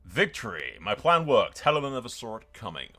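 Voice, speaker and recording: Fairly quick and medium-pitched, this male host delivers excitable let's-play commentary on a gaming video. He curses without restraint, alternating between big dramatic outbursts and deadpan understatement.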